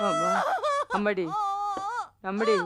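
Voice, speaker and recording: A woman's voice: a little high, wildly swooping pitch, takes it slowly, vocal fry, exaggerated voice. An actress playing an elderly grandmother who pleads, prays and weeps beside her granddaughter in labor. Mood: tearful. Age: older. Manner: wailing, pleading, tearful. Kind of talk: Tamil TV serial acting. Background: loud dramatic music.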